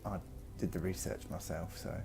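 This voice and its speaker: Deep, gravelly man telling his story. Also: fairly even intonation, moderate pace. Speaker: vlogger. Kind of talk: personal vlog monologue, reflective storytelling. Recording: music behind the voice.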